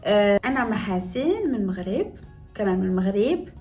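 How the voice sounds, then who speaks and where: A woman's voice: medium pitch, very animated, fairly quick, a little mellow, soft background music. A woman in her twenties from northern Morocco, chatting playfully to viewers in a vlog and teaching phrases with laughs. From Morocco (Tetouan, north). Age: 20s. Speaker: beauty vlogger.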